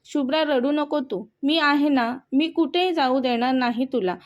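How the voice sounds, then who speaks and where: A woman's voice: sits high, moderate pace, natural voice. A woman voicing an earnest young husband who pleads to keep his wife, read as part of a storybook. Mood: resolute. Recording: dull, muffled audio.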